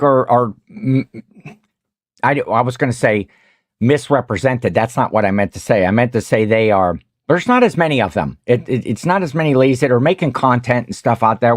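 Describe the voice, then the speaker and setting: A man's voice: medium pitch, no room sound, studio quality. A man with a Midwestern American accent hosting a casual livestream, rambling while he eats and greets viewers in the chat. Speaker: host of a reseller livestream.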